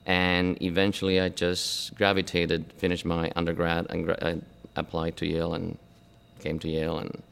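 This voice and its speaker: A man's voice: low-pitched, monotone, normal speed, gravelly, a bit bright, smooth. A scenic designer from Argentina speaking in a documentary interview, reflective and searching for his words.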